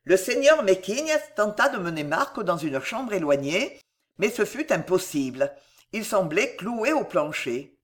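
A storybook narrator with a very lively, swooping delivery, pitched in a middle range. The reading is dramatic and emotive throughout. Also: a little slow. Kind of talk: expressive audiobook narration.

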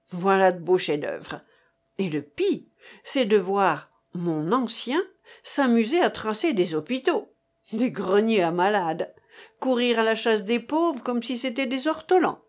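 A woman reading the part of a gruff old male lieutenant, a sailor and soldier who swears and blusters with soldierly bravado. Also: fairly high pitch.

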